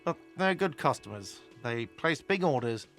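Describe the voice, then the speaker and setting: A man's voice: medium pitch, expressive, moderate pace, a bit bright, faint music behind. A man voicing a grumpy, irritable café manager in a game, blunt and exasperated. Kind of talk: game voice acting.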